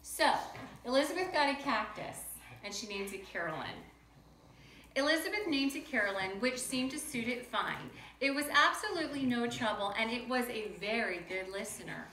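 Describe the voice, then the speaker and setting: At home with pets nearby, a woman reads a children's picture book aloud in an animated way, drawing out words and pausing to speak directly to young listeners. Her voice is on the high side at a moderate pace, the room is reverberant, and there's slight background noise.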